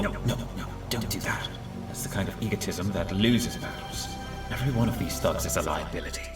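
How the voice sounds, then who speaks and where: A man voicing a vain, scheming villain doctor in a comic dub, with pompous, theatrical, articulate delivery. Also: lowish voice. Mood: sinister musing. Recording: music behind the voice.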